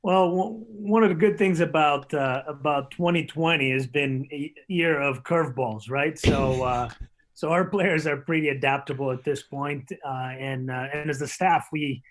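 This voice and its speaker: A man from Portugal, a soccer coach, answering interview questions thoughtfully with many pauses and fillers over a remote link. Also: fairly high pitch, rough recording. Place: remote call.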